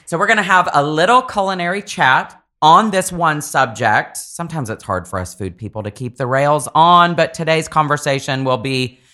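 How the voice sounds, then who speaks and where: Southern guy hosting a baking podcast, bright voice, chatty and excited. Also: fairly high pitch, moderate pace, few pauses. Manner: enthusiastic, chatty. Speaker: podcast host. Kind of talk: casual podcast chat.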